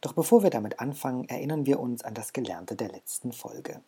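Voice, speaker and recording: Mellow, slightly husky male language teacher. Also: medium pitch, expressive, fairly quick. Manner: patient, instructive, repeats example words. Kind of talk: explaining a language lesson.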